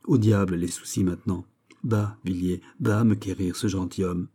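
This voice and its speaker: A man's voice: low-pitched, steady tone, normal speed, mellow, breathy edge. A man reading aloud, voicing a stern middle-aged king with a commanding, raised voice.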